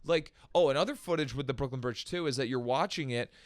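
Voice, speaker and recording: A man in his thirties from Long Island, co-hosting a comedy podcast with animated, ranting chatter that keeps asking "okay?". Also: mid-range voice, fast, no room sound. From Long Island, New York. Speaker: podcast co-host. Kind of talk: casual comedic chat.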